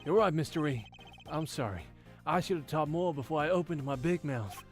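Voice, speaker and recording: Lady playing an eager hotheaded young guy, loud and jumpy, bouncy pitch. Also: normal speed, soft background music. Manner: excitable, loud outbursts. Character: eager, hot-headed young man.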